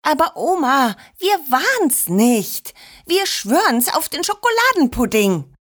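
A woman's voice: sits high, big pitch swings, unhurried, a bit bright, pitched above the performer's own voice, exaggerated voice. A woman voicing a young girl, earnest and pleading.

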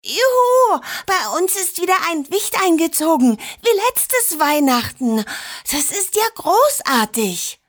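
A woman voicing a bubbly little girl who cheers in a high voice in a storybook reading. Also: very animated, slow pace, exaggerated voice. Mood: overjoyed.

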